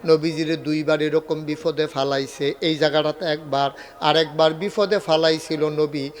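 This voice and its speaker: Fiery preacher with a lilt. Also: male voice, a little high, steady tone, normal speed. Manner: dramatic storytelling, acting out dialogue, rising to near shouts; colloquial and humorous, drawing laughter. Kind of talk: Bengali waz sermon.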